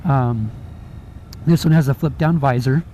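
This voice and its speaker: A man's voice: mid-range voice, a little slow, dark tone. Man talking inside a helmet, road noise. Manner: talking from inside a motorcycle helmet while riding. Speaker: motorcycle vlogger reviewing gear. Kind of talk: casual chat, spoken review. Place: outdoors on a moving motorcycle. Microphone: mic inside a helmet. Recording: helmet mic with clear traffic and vehicle noise. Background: vehicle and road noise.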